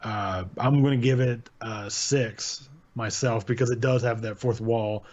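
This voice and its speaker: A young man who hosts a channel reviewing horror stories chats casually in a rambling, laid-back way, correcting himself as he goes. His mid-range voice is steady, darkish, and measured, captured on a desk mic with a pop filter in a dull lo-fi home recording.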